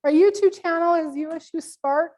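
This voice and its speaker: A woman's voice: extremely high pitch, moderate pace, dark tone. A woman presenting a live business workshop online, chatty and loose with lots of ums, losing her voice. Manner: casual, many ums, friendly instructions.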